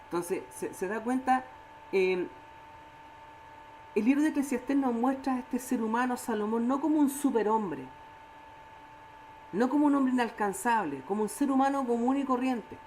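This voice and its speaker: A woman with a Chilean Spanish accent leading a church Bible study, animated, acting out quoted voices and often checking in with her listeners. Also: on the high side, normal speed, long pauses, a little hiss or hum, low-quality recording.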